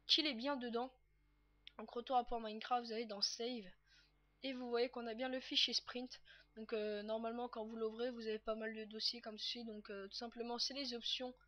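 A woman's voice: fairly high pitch, a bit bright. A young woman narrating a casual screen-recorded game tutorial, chatty and loose with lots of fillers. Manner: chatty and loose, with many "donc, euh" fillers and repeated "tout simplement". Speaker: tutorial maker.

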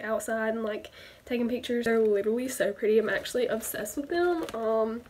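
Teen girl, Southern accent, casual bedroom haul vlogger; light higher voice, webcam sound with a faint hiss. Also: a little mellow. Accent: Southern American. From American South. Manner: chatty, fillers of "like" everywhere. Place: bedroom, indoors. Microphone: webcam at desk distance.

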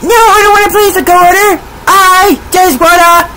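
Casting: a very high, squeaky cartoon mouse girl, indignant and exasperated, puppet comedy, some background noise. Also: fairly even intonation, moderate pace, sharp tone, low-quality recording. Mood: furious. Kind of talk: comic puppet prank-call skit.

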